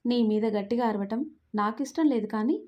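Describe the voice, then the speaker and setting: A woman's voice: fairly high pitch, fairly quick, mellow, lightly acted. A woman voicing a young man in love, fond, pleading and playful, in a storybook reading.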